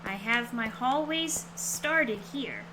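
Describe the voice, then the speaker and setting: A woman's voice: on the high side, lively intonation, slow. A woman streaming a game with casual, rambling, playful commentary in a cute anime-streamer manner. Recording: clearly noisy background.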